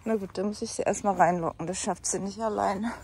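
Chatty German woman with a gravelly voice. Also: mid-range voice, steady tone, brisk, a little mellow. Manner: chatty, many fillers, calls animals, drops to a whisper. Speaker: vlogger. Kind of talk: casual vlog monologue. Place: rural house and yard in the country.

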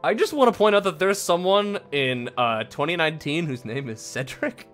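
A man's voice: fairly high pitch, animated, normal speed, a bit bright, soft background music. A man hosting a casual commentary video, reading online posts aloud with a friend and laughing often. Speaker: channel host.

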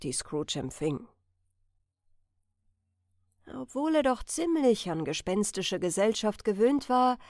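A woman reading a bedtime audiobook in a calm, measured narration. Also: medium pitch, dry recording, clean studio sound. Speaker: audiobook reader.

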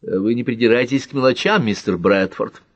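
A man's voice: medium pitch, normal speed, dry recording, voice pushed up, lightly acted. A man voicing an anxious, tearful young woman in an audiobook, speaking in a pleading, emotional way. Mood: indignant.

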